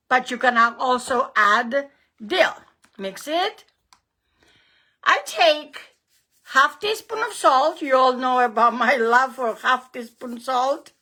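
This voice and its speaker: A woman's voice: high-pitched, bright, forceful tone. A woman with a Greek accent leading a hands-on recipe demonstration as a cooking host, encouraging and emphatic, often repeating her phrases.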